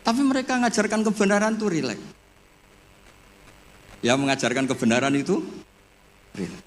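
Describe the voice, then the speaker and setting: A man, giving a humorous religious lecture with relaxed storytelling and jokes before an audience. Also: high-pitched, normal speed, in a large hall, slight background noise. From Indonesia. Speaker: Islamic preacher.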